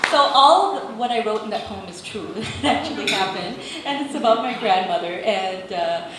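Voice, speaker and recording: A woman's voice: medium pitch, normal speed, a crowd in the background. Woman reading poetry in an echoey room. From England. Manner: expressive reading, relaxed chatty asides. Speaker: poet. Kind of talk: live poetry reading with chatty asides. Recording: very echoey room, faint background noise.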